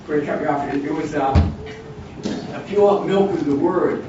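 An older man in his sixties talks through a Bible study in a loose, rambling way, often restarting his sentences. His voice sits a little high. He is picked up from a distance in a very echoey room, with dull sound and steady background noise. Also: normal speed. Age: 60s. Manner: rambling, with frequent restarts and asides. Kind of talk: informal Bible study talk.

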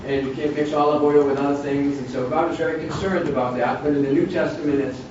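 Older man in his sixties, Bible study leader, rambling delivery, slightly high voice, recorded from far off in a very echoey room. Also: fairly even intonation, fast talker. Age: 60s. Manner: rambling, with frequent restarts and asides. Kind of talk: informal Bible study talk. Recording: distant, dull, noisy room recording.

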